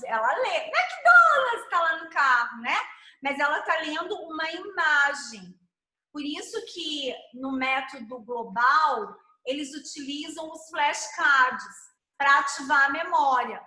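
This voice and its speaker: A Brazilian woman with a high, bright voice explains teaching methods to colleagues. She talks in an explanatory way and stretches sounds when modeling syllables. She is heard in an echoey room. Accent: Brazilian Portuguese. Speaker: educator teaching literacy methods. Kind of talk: online teaching chat.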